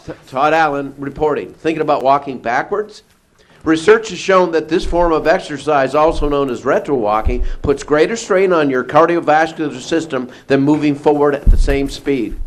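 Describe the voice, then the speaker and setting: A man reading a scripted report as a reporter, in full explanatory sentences. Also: on the high side.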